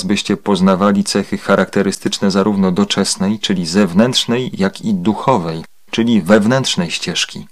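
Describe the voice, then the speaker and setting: A man reading a translated spiritual discourse aloud in a measured, solemn, explanatory way. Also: fairly low pitch. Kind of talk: formal read-aloud discourse.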